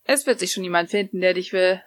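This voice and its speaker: A woman's voice: fairly low pitch, fast talker, no echo, close to an everyday voice. Woman reader voicing a blunt young man, plain and direct, storybook dialogue. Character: blunt, impulsive young man, friend and partner.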